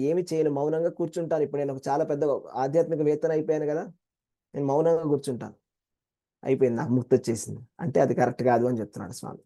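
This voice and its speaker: A man with a Telugu accent teaching a scripture class, explaining verses in an animated way and acting out quoted voices. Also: on the high side. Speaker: Gita teacher.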